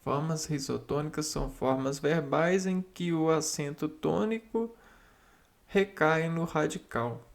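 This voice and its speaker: A man slowly reading spelling rules aloud and explaining them to himself, halting and repeating words as he goes. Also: on the high side, creaky.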